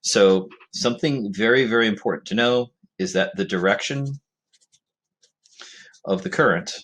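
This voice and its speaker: In a recorded classroom lecture, a physics teacher with a lowish, slightly bright, husky voice talks through a lesson at a moderate pace. He sounds conversational, using fillers and often prompting the student with "right?".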